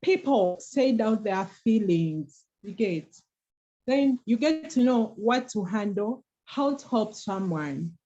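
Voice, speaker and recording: A woman's voice: medium pitch, lively intonation, takes it slowly, dark tone. A woman co-host giving an earnest, encouraging talk about forgiveness and moving forward. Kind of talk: motivational talk. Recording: dull, lo-fi online call audio.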